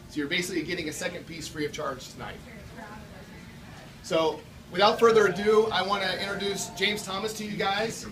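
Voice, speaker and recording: A man with a high voice gives a sales presentation as host of a gallery evening. He repeats phrases for emphasis. The microphone is distant and there is clear noise around him. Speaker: gallery art dealer hosting a show opening. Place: gallery room at a live event. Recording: distant mic, noisy room.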